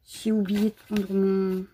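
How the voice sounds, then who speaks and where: A woman's voice: mid-range voice, mellow, a little hiss or hum. A woman hosting a casual live crafting stream from home, chatty and a bit scattered, greeting viewers as she shows her supplies. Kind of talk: casual live unboxing chat.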